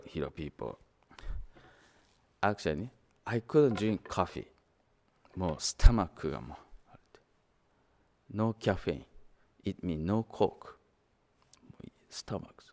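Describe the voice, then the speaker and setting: An older man from Japan, a Japanese native, giving an anecdotal sermon as minister, switching between Japanese and English. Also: deep voice. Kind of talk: sermon storytelling.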